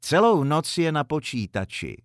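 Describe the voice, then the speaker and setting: Man voicing a middle-aged mother, bossy, lonely, lifted lively pitch, dry close sound. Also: no echo.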